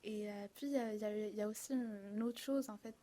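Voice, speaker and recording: A woman's voice: mid-range voice, fairly even intonation, quick pace, mellow. A young woman, a film columnist on a live talk show, chatting in a casual, hesitant way with many fillers and restarts. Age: young adult.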